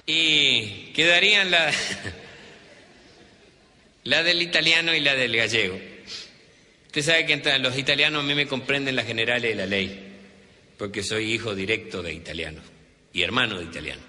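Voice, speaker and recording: A man's voice: mid-range voice, normal speed, pauses often, bright, forceful tone. A man with an Argentine accent telling humorous stories, chatting with the audience and speaking to them directly. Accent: Argentine Spanish. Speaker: storyteller. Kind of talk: humorous folk storytelling. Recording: reverberant hall with faint noise.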